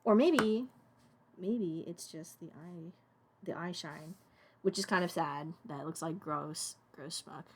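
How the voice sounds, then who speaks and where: A woman's voice: lowish voice, slow pace. Young woman rambling on a craft stream. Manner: rambling, talks to herself and chat, mutters. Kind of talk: casual live-stream chat while animating.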